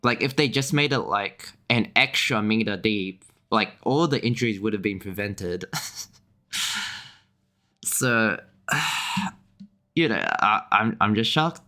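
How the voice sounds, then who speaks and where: A young man chatting on a game stream in a lowish voice. He rambles, leans on filler words, restarts his sentences and keeps breaking into small laughs. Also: lively intonation, slow, long pauses, sharp tone. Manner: rambling, filler-heavy with frequent restarts and chuckles. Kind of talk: casual chat while gaming.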